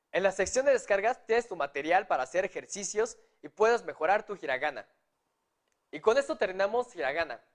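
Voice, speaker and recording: A man teaching a lesson, patiently spelling out syllables one at a time. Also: high voice. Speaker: Japanese teacher. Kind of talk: online language lesson.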